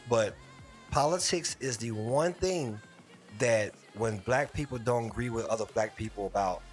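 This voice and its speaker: Rambling man hosting a livestream. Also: fairly low pitch. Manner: rambling, talks straight to viewers in the chat. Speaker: livestream host. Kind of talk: casual live-stream commentary.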